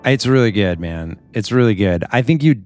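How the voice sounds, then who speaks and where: Guy cohosting a movie podcast, gets all hyped, kinda low voice. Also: normal speed, faint music behind. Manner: excitable, lots of fillers and restarts. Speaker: podcast co-host. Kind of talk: casual movie chat.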